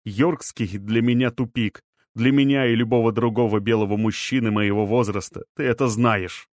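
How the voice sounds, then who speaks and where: A man playing a weary, bitter middle-aged man in an audiobook, speaking flatly and resignedly. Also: fairly low pitch, normal speed, no echo, studio quality, lightly acted. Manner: flat, resigned, shrugging.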